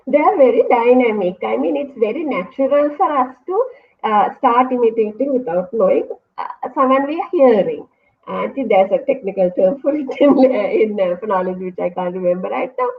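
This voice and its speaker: Speaking a little fast in a fairly high, gravelly, animated voice, a woman with a Sri Lankan accent discusses academic ideas in an online interview. As a university English lecturer, she explains her views thoughtfully and self-corrects. The video-call recording has phone-like quality.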